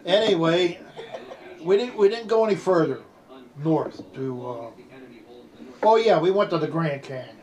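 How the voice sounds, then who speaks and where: A man's voice: a little high, lively intonation, measured pace, long pauses, a little mellow. Older man, grandpa voice, rambling storyteller. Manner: folksy, salty swearing. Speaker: grandfather telling family stories. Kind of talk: casual anecdotal storytelling.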